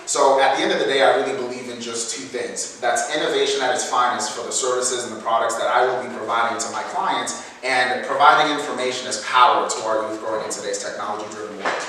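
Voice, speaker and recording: A man from Haiti giving an earnest, prepared business pitch at a community event. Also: fairly even intonation, quick pace, few pauses, pushed and bright, a little hiss or hum. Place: large event hall. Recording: echoey hall, mic far off.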